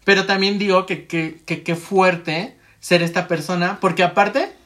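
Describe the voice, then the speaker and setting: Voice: medium pitch, fairly even intonation, measured pace, fairly bright tone. Chatty speaker. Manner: rambling, acts out inner monologue, laughs often. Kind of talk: casual chat.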